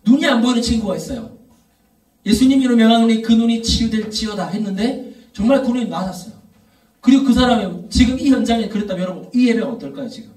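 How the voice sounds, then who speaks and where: A youth pastor in his thirties gives an animated sermon. His voice sits very high for a man. He sounds a little far from the mic in a roomy, echoing church hall. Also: fast. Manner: storytelling, rising to emphatic repeated questions. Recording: echoey room, voice from off mic.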